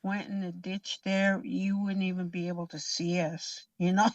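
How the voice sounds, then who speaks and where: A woman's voice: on the low side, little pitch movement, moderate pace, no room sound. A woman guest telling a laughing anecdote in an interview, acting out quoted lines. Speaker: guest actress. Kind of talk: storytelling interview. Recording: distant, dull lo-fi sound.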